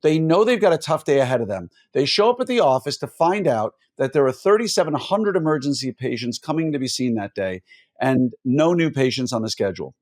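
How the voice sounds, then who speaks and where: A man hosting a podcast interview, talking in a loose, rambling way. He often restarts and corrects himself and slips in jokes while setting up long questions. His pitch is average for a man. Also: sing-song, fairly quick, a little mellow. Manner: rambling, self-correcting, jokey. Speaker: podcast host. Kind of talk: conversational interview.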